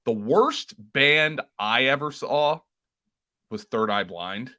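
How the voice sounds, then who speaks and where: A man's voice: medium pitch, animated, takes it slowly, sharp tone. A man co-hosting a podcast, chatting enthusiastically and rambling a little, with fillers and restarts. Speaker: podcast co-host. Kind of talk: casual chat.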